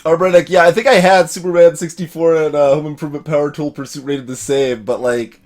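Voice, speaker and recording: A man's voice: a little high, fairly even intonation, fast talker, darkish tone. A man hosting a voiced let's play, chatting casually with his live chat, rambling with many fillers and chuckles.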